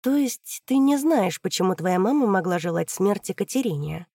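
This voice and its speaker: A woman reading an audiobook, voicing a fearless female investigator who argues in a calm, methodical way. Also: mid-range voice, moderate pace, slightly rough, dry recording, clean studio sound. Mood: pressing.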